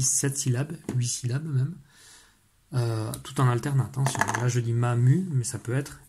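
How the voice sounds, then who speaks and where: A man's voice: medium pitch, a little mellow, slightly rough. A male teacher explaining a reading and writing exercise to parents step by step, with frequent fillers and restarts. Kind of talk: recorded lesson for parents.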